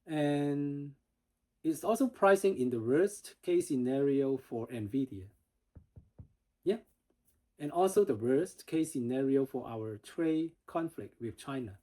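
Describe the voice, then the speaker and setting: A man's voice: medium pitch, warm tone, low-quality recording. A man hosting an investing channel, giving casual market commentary straight to his viewers, his voice fading as he talks. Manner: direct, addresses viewers as "guys". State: losing his voice.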